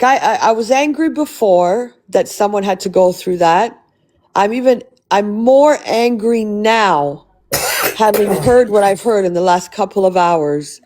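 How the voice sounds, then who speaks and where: A woman hosting a live stream who talks in a heated, furious way and swears freely. She doubles back on her words and restarts her sentences as she vents. Her voice sits in a middle pitch for a woman. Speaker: livestream host. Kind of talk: angry live-stream rant.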